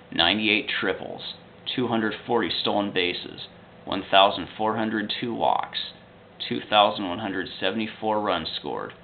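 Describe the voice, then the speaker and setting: Low-voiced man reading sports history. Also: gravelly, a little hiss or hum. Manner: steady, fact-heavy reading. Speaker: video narrator. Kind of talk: read sports history narration. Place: small indoor room at home. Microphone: webcam. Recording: tinny lo-fi webcam audio.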